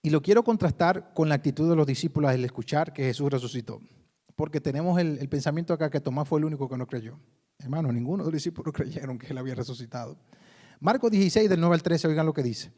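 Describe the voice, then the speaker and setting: A man's voice: on the high side, fast talker, mellow. A man preaching a sermon in a conversational way, often calling his listeners brother. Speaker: pastor.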